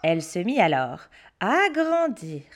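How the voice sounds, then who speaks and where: Expressive woman reading a children's story. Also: lowish voice, measured pace. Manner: expressive, hushed for suspense.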